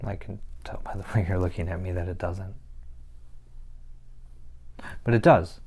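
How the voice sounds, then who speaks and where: An actor playing a troubled young man who confides a painful past in a halting dramatic monologue broken by pauses. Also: low-pitched, steady tone, a little mellow, breathy edge. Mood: confessional.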